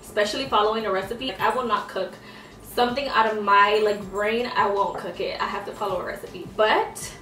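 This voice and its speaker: A woman's voice: mid-range voice, steady tone, brisk, sharp tone, reverberant, far from the mic, soft background music, low-quality recording. A young woman chatting casually through a cooking vlog, tasting food as she talks. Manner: chatty, eating while talking. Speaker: vlogger.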